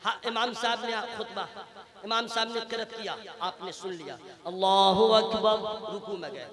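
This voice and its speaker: A man preaching a sermon at a large gathering, moving from quiet teasing asides to fervent shouting. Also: high voice, moderate pace. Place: large gathering, religious meeting. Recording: echoey hall with a crowd. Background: crowd.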